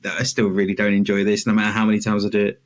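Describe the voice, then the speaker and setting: A man's voice: fairly low pitch, completely flat delivery, racing. A young man from the UK hosting a podcast, chatting casually and joking, with lots of restarts. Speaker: podcast host. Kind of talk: casual chat.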